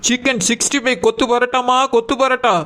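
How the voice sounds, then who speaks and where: A very high, bright street hawker acted by a man chants in singsong calls. He is eager and chatty, rattling along clearly in a comic skit. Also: flat delivery, fast talker. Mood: singsong hawking. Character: chatty roadside kothu parotta hawker, eager and pleading. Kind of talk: comic story skit acting.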